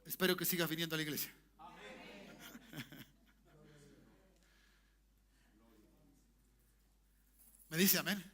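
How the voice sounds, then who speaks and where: A man preaching a sermon as pastor, shifting from soft talk to shouted calls for amen. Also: on the high side, very slow, pauses often. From Chile. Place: church sanctuary.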